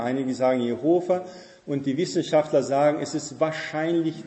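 A man's voice: mid-range voice, warm tone. A man teaching a Bible study class, explaining step by step and often checking in with his listeners. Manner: explanatory, keeps asking listeners "ne?" and "versteht ihr?". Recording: echoey hall reverb.

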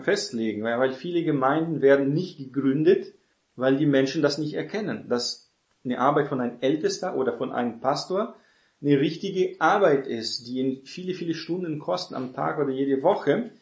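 Mann, lockere Bibellehre in hallendem Raum. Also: male voice, fairly high pitch, roomy sound. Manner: conversational, frequent tag questions, acts out quoted voices. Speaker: preacher teaching on church elders. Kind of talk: informal Bible teaching.

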